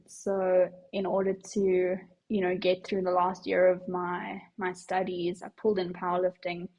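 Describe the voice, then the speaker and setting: A young woman, a powerlifting coach and artist, answering interview questions in a soft-spoken, thoughtful way. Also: lowish voice, slightly rough, lo-fi sound.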